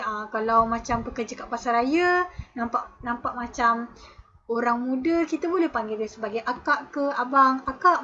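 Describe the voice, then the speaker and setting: High-voiced Malaysian woman teacher. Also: fairly bright tone, lo-fi sound. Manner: patient explaining, frequent "okay" and "ha" fillers. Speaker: special education teacher. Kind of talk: recorded classroom lesson.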